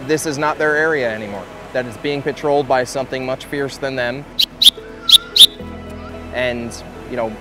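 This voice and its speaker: A middle-aged man working as a falconer, talking casually in an interview outdoors on a seaside boardwalk, relaxed and conversational. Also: mid-range voice. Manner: relaxed, conversational with frequent "you know".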